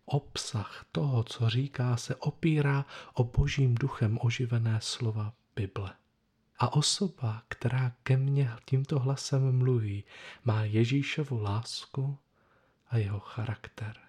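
Husky-voiced man preaching a reflective sermon. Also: mid-range voice, steady tone, darkish tone. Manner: reflective, measured delivery with pauses.

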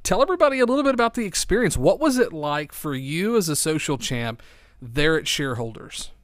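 A man's voice: on the high side, lively intonation, a little fast, no room sound, clean studio sound. A man hosting a podcast interview, upbeat and enthusiastic, talking with a slight lisp from a bitten tongue. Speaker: podcast host. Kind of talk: casual interview chat.

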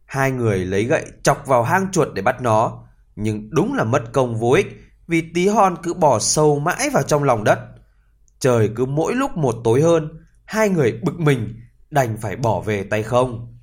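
A man narrating a fairy tale for listeners in a lively, expressive reading voice. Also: mid-range voice, moderate pace. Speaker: storyteller.

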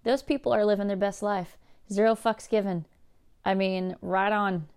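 Podcast host, female, mid pitch, gravelly edge yet smooth tone; loose, profane, jokey delivery with frequent asides. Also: steady tone, normal speed, darkish tone. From California. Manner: profane, joking, self-interrupting asides. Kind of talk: casual podcast monologue.

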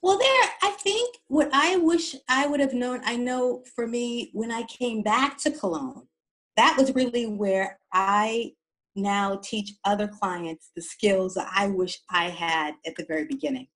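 A woman's voice: on the high side, measured pace, a bit bright, poor audio. A woman from the East Coast, telling her story as an interview guest, reflective and often repeating words as she searches for them.

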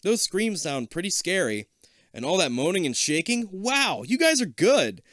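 A man voicing an excitable, jokey boy hero in a read-aloud adventure book, in a raised, animated voice. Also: on the high side, fast, dry recording, clean studio sound, voice pushed up. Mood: amused.

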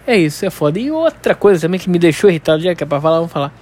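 Slangy Rio man with a higher-pitched voice. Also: racing. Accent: Carioca, Rio de Janeiro. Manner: Rio street slang, heavy swearing; animated storyteller, stammers and repeats words. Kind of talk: casual unscripted solo rant.

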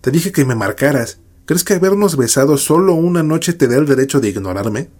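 A man's voice: on the high side, expressive, brisk, a little mellow. A man voicing a desperate, cursed young woman who speaks coldly and threateningly in a horror story reading. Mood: pleading. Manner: cold, threatening.

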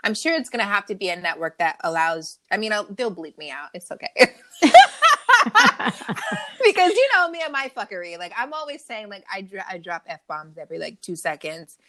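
A woman's voice: mid-range voice, very animated, moderate pace, fairly bright tone. A woman co-hosting a podcast in brash, profane, playful casual chat. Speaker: podcast co-host.

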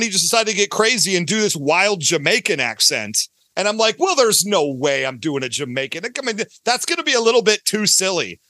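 In a dry recording with no echo, a middle-aged man guesting on a podcast talks in a high, bright, forceful voice. He creates audio dramas, and his interview chat is casual and rambling, full of emphatic, gushing enthusiasm.

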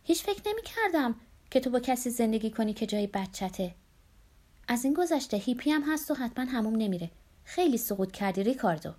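A woman's voice: lively intonation, dark tone. A woman reading aloud and voicing a bitter, jealous, thin aging woman who mocks her former lover. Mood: scornful. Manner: scornful, biting, raised pitch.

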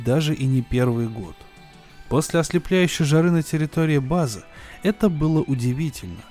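A man narrating a first-person science fiction audiobook in a measured, even reading voice with slow pauses. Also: fairly high pitch.

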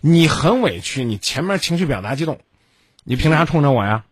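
A man hosts a radio advice line, and his voice swings widely up and down as he lectures. He is blunt and scolding and cuts in constantly. The sound is husky and dry, close to the mic. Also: on the high side, very animated, brisk, dry recording. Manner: blunt, scolding, interrupts the caller. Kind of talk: call-in advice show.

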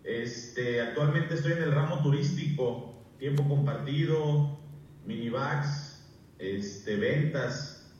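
A man's voice: medium pitch, dark tone, a little hiss or hum. Hesitant man on a distant video call. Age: 30s. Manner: hesitant, many fillers. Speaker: workshop participant, sales team manager. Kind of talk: video call self-introduction. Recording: distant, dull, echoey video call audio.

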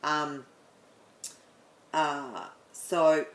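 A woman explaining the planets in a chatty way, then leading a guided meditation with slow, soothing instructions and some stumbles. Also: deep voice, fairly even intonation, echoey room, a little hiss or hum, poor audio. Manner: chatty, apologetic, stumbles over words.

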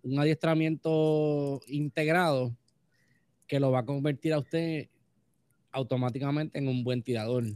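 A man's voice: on the high side, steady tone, unhurried, darkish tone, clear, resonant tone, no echo. A man on a podcast, explaining points in a firm, instructive way. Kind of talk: casual podcast chat.

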